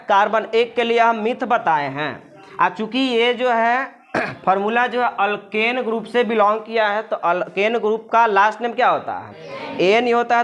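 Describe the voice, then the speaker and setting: A man with a very high-pitched, fairly bright voice teaches a chemistry lesson as a science tutor, and the audio sounds dull. He keeps asking the class questions, answers them himself, and repeats the key terms.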